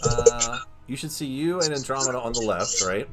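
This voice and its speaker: A man's voice: medium pitch, moderate pace, over music. A man narrating as game master in a rambling, self-correcting way.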